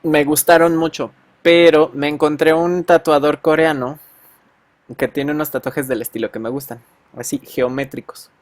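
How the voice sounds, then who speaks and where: A man's voice: on the high side, fairly even intonation, normal speed, no echo. A man with a Mexican accent, a teacher chatting casually with his students and telling slangy stories full of fillers.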